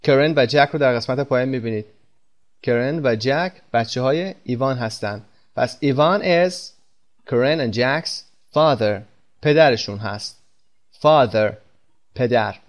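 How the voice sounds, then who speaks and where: A male teacher whose first language is Persian gives a recorded English lesson. He reads English sentences very slowly and explains them quickly in his own language. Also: mid-range voice, lo-fi sound.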